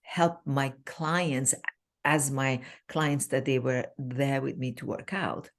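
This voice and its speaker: Very low, gravelly woman from Iran. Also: fairly even intonation. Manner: halting, many fillers, laughs easily. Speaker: guest relationship coach. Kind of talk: casual interview chat. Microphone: video call.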